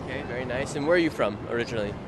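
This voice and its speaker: A man doing street interviews on a livestream, upbeat and quick to react. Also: mid-range voice. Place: city street at night. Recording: noisy street with traffic.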